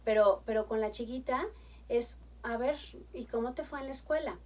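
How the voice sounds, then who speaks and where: High-voiced woman therapist chatting about parenting, lively, acts out talks with her kids, sounds a bit off-mic. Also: moderate pace, far from the mic. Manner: animated, acts out chats with her kids in a bright coaxing tone. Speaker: family therapist. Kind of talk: conversational parenting advice.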